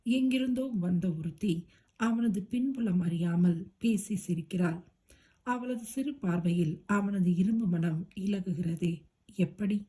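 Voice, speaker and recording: A woman narrating a romance novel as an audiobook, with steady, expressive storytelling. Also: medium pitch, unhurried, breathy edge.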